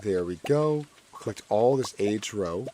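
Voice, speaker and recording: A gaming streamer with a hoarse, fairly low voice gives casual commentary while playing a farming game, his words cracking now and then. He's chatty and animated, warm in tone at a measured pace, and says many lines twice. Faint noise sits beneath his voice.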